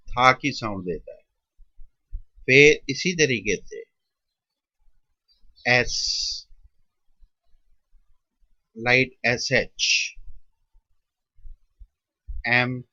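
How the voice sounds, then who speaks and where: Slow, deliberate male shorthand tutor. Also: mid-range voice, bright, forceful tone, no echo, muffled recording. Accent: Indian Hindi-English mix. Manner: slow, drawn-out, repeats each sound with pauses. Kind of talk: step-by-step classroom explanation.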